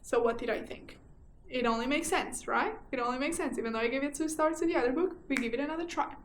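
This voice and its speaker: A woman's voice: high-pitched, fast talker, slight background noise. A young Portuguese woman with a Portuguese accent, chatting casually about a book haul and repeating herself for emphasis. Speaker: book vlogger. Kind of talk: casual chat. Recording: echoey room with faint ambience.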